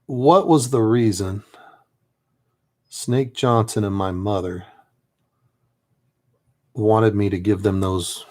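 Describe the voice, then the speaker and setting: Speaking slowly with long pauses, a man with a lowish voice reflects casually while painting miniatures. He's a former army man who rambles softly and often drifts off before finishing a thought.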